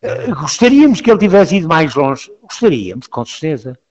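Earnest older-sounding priest, lively pitch. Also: male voice, fairly quick. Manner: earnest, repeats words, quotes sermons aloud. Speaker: Jesuit priest, guest. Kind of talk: conversational interview. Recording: dull lo-fi sound with long reverb.

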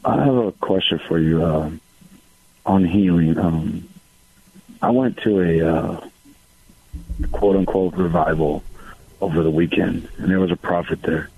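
Deep-voiced man calling in over the phone. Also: a little slow, creaky, long pauses, a little hiss or hum. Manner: hesitant, rambling, many fillers. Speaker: caller. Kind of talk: call-in radio conversation. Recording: tinny phone line on radio.

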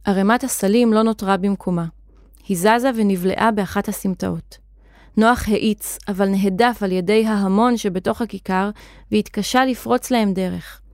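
A woman reads a children's serial story aloud with clear, expressive storytelling. Her voice sits at a middle pitch for a woman. The recording is close and dry, with no room around it. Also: no echo.

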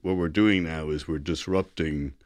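A man's voice: a bass voice, fairly even intonation, normal speed, darkish tone, no room sound. A middle-aged or older man with a Dublin Irish accent, speaking as an interview guest in a conversational, storytelling way, acting out dialogue and repeating phrases for emphasis. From Dublin, Ireland. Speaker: interview guest, technology executive.

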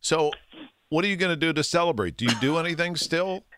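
Bright-voiced, animated male radio host. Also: a little high, quick pace, smooth, no room sound. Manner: enthusiastic, joking, inquisitive. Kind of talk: casual radio banter. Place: radio studio.

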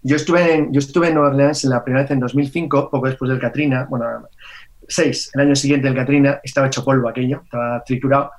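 A man, explaining history in a chat with brisk, detailed asides. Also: medium pitch, steady tone. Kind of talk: casual radio chat.

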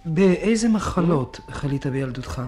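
A man voicing a calm psychiatrist in a radio drama, soothing and patronizing toward his patient. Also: on the high side, close to an everyday voice. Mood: humoring. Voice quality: soothing, placating. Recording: music playing behind.

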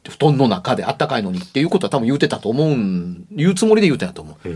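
A man's voice: medium pitch, big pitch swings, very fast, husky. Kansai man telling a spooky story. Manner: rambling, drifts into hushed quoted voices. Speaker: host and ghost story author. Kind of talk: casual storytelling chat.

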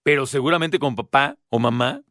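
A man's voice: mid-range voice, a little fast. A middle-aged man with a Mexican accent, talking casually to the listener as a podcast host. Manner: acts out children's voices in anecdotes.

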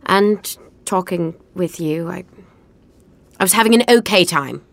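Lady voicing a prim young noblewoman, kinda low voice, dry and measured. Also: gravelly, no room sound. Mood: dry guarded. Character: proper, guarded young noblewoman.

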